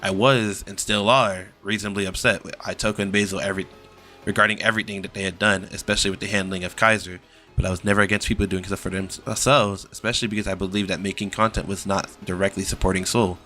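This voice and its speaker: A young man reading a somber scripted apology as an online creator, serious and measured, sometimes stumbling over his words. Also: deep voice, steady tone, pushed and bright, soft background music.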